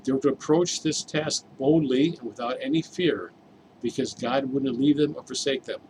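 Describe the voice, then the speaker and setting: A man preaching a sermon in a measured, explanatory way, stressing key words as he teaches. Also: mid-range voice, noisy background.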